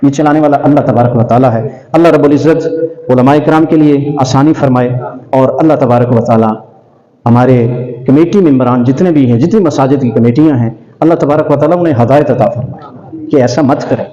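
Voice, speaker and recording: A man's voice: medium pitch, mellow. Earnest man preaching in an echoey hall. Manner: earnest, admonishing, slips into Punjabi. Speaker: religious scholar. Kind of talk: sermon-style talk with anecdotes. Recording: echoey hall, dull lo-fi sound.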